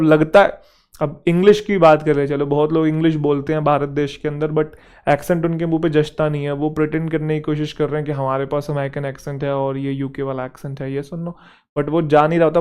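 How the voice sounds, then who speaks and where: A young man from Haryana with a Haryanvi touch in his speech, teaching an exam-prep vocabulary lesson in Hindi and reading English example sentences slowly and deliberately. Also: on the high side, a little mellow, smooth. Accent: Haryanvi-tinged Hindi and English. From Haryana, India.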